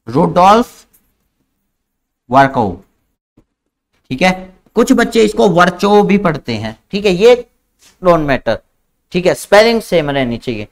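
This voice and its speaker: A man teaching a biology class online in Hindi mixed with English with an Indian English accent, calling students "beta" and stretching out key terms as he dictates. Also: a little high.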